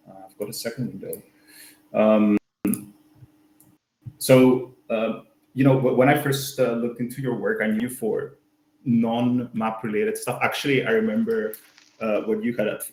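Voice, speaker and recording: A man's voice: medium pitch, a little mellow, roomy sound, low-quality recording. A man hosting an online user group meetup, talking casually with many fillers and restarts. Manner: friendly, full of fillers and restarts.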